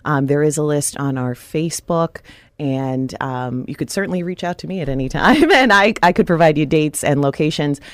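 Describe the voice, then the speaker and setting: Woman, low voice, steady and informative, radio guest, dry sound. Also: moderate pace, dry recording. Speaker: dental society guest. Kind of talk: radio interview.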